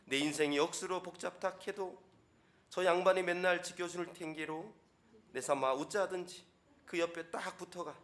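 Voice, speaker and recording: A man's voice: steady tone, moderate pace. A man putting on a boisterous Gyeongsang-dialect speaker with a raised, laughing voice in a sermon. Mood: playful. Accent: Gyeongsang dialect, put on. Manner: pitched up, loud and laughing.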